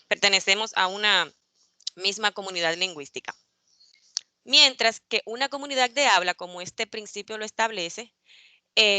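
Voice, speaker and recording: A man's voice: high-pitched, pushed and bright, clear, resonant tone, dry recording. A man teaching a linguistics lecture, explaining ideas and walking through examples step by step. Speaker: university teacher.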